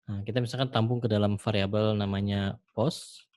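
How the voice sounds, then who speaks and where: A man teaching programming in a screen-recorded tutorial, talking the viewer through each step in a relaxed way with frequent fillers. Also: on the low side, moderate pace. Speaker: programming instructor.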